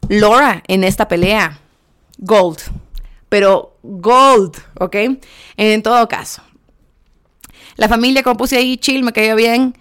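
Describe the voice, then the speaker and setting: A woman's voice: a little high, fairly even intonation, unhurried, long pauses. A young woman chats through a casual vlog review of a reality show. She keeps checking in with "¿ok?", calls her viewers friends, and drops English words into her sentences. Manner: chatty, keeps asking viewers "¿ok?"; sprinkles English words into speech.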